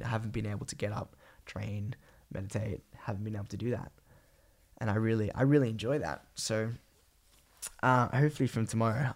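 Croaky, phlegmy young Australian man. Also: lowish voice. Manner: rambling, slangy, swearing casually. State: sick with a cold, voice partly gone. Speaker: podcast host and vlogger. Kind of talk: casual solo podcast catch-up.

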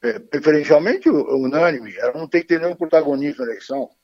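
Man, glitchy breaking-up phone call, muffled and dry, somewhat high voice, formal, hesitant. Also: fast talker, a little mellow, no echo. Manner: formal, hesitant with frequent fillers. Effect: choppy, breaking-up phone line. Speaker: interviewed guest by phone. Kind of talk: radio phone interview.

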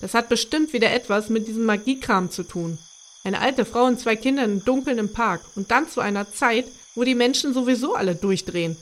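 A woman voicing a stern, angry middle-aged father who speaks gruffly and cuts others off harshly, over clear background music. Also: on the high side, fairly quick, close to an everyday voice.

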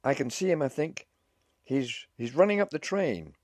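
A man voicing a kindly older military officer who speaks briskly and reassuringly. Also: low-pitched, lively intonation, no room sound, clean studio sound. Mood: urgent shouting. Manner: brisk at first, then gentle and reassuring.

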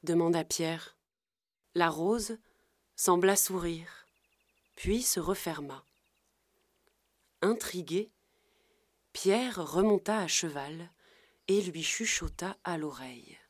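Slow, gentle woman storybook narrator. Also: on the low side, no echo.

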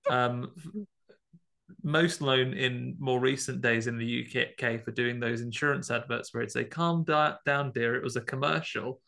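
A man's voice: medium pitch, steady tone, normal speed, creaky, bright, forceful tone. A man, co-hosting a podcast and setting word puzzles in casual chat, hesitant with many ums and chuckles. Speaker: podcast co-host.

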